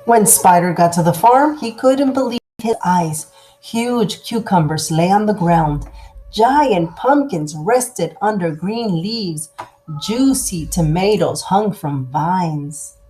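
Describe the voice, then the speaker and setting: A woman reading a children's story aloud as storyteller, with deliberate, dramatized phrasing. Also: on the low side, lively intonation, mellow, poor audio.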